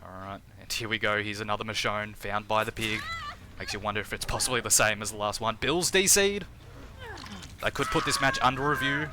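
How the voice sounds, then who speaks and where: A man with an Australian accent casting a live game tournament in a chatty, energetic way, often restarting his phrases. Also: on the low side, fairly quick, noisy background. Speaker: tournament caster and streamer.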